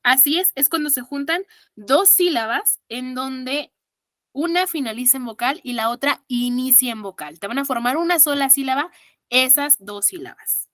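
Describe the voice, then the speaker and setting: A woman's voice: sits high, expressive, normal speed, fairly bright tone, dry recording, studio quality. A woman with a Mexican accent teaching an online exam-prep class, counting syllables aloud and praising her students patiently.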